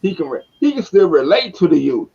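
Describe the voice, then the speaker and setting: Excitable Southern man talking sports. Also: sits high, fairly quick, creaky, slightly rough, dull audio. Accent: Southern American. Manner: excitable, laughing, slangy banter. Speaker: sports talk show host. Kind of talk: casual sports chat.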